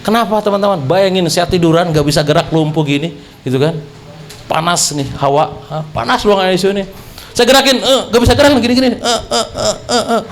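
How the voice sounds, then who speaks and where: Brief: young man, high voice, animated storytelling speaker at a religious talk, joking straight at the audience. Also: brisk, a little hiss or hum. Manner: animated, jokey, addresses audience directly.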